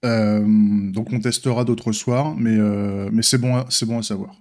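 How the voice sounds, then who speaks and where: A man's voice: fairly low pitch, fairly even intonation, a little slow, warm tone. A man with a slight lisp and slushy s sounds, giving a casual unscripted stream update in an informal, hesitant, thinking-aloud way. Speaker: streamer and software developer.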